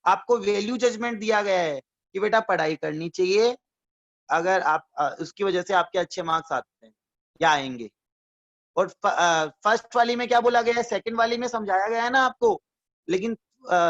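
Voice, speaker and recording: A man's voice: high voice, a bit bright. A man teaching an economics lesson who explains by repetition and keeps quizzing his listeners with check-in questions, addressing them fondly as his students. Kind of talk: classroom-style lecture. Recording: dull lo-fi dry recording.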